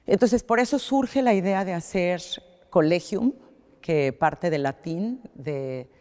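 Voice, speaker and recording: A middle-aged woman with a Mexican accent, an art collector, answers interview questions slowly and thoughtfully, often restarting phrases and using fillers. Her lowish, darkish voice has lively intonation, and the recording carries a long hall reverb.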